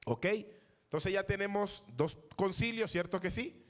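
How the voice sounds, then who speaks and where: Pastor teaching, higher-pitched man. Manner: rising emphasis on key terms, asks questions to the class; pauses with fillers, searches for names. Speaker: pastor teaching a theology class. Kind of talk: classroom lecture.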